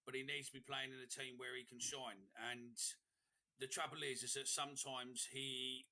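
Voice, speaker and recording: A man chatting casually as a football podcast panellist, halting and repeating himself. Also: mid-range voice, little pitch movement, bright, forceful tone.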